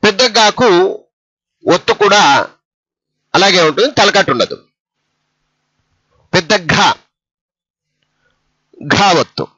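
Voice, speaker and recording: A man's voice: high voice, very animated, takes it slowly, long pauses, sharp tone, breathy edge, dry recording, dull audio. A man teaching a step-by-step lesson on writing letters, patient and repeating each letter. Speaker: Telugu script teacher.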